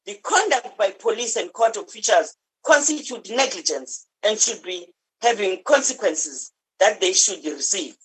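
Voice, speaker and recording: A woman's voice: mid-range voice, lively intonation, unhurried, hardly any pauses, breathy edge, rough recording. A South African woman reading a formal political speech in parliament in an earnest, declarative way. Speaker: member of parliament giving a speech.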